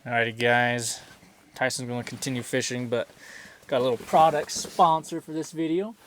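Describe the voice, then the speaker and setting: A man hosting a casual fishing vlog, talking in excitable bro slang. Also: mid-range voice, moderate pace, slight background noise. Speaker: host of an outdoor fishing channel. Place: outdoors in a snowstorm, later inside an ice fishing tent.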